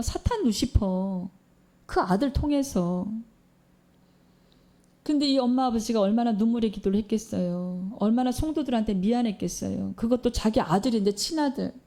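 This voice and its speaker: A woman's voice: mid-range voice, mellow. A woman preacher giving a sermon in a church, telling a story and posing questions to the congregation.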